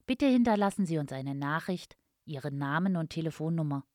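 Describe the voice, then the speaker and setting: A woman's voice: low voice, animated, a little fast, a little mellow, no room sound, studio quality. A woman in a polite, formal customer service voice, reading a scripted answering machine announcement. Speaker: phone announcement voice.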